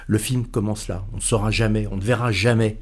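A man's voice: lowish voice, steady tone, brisk. A man reviewing films on a radio show in the studio, earnest, with hesitations and repeated words. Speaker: film critic.

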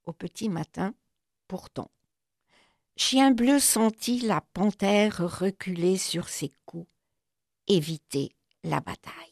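A woman's voice: slow, gravelly, long pauses, dry recording, clean studio sound. A woman storyteller reading a children's storybook aloud, narrating expressively. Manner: expressive, with sweeping pitch.

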